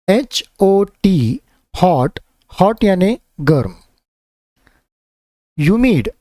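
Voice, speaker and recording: A man's voice: high voice, mellow, no room sound. A male teacher giving a vocabulary lesson for children, spelling each word out letter by letter and then patiently explaining its meaning. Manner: patient, instructive tone addressing children.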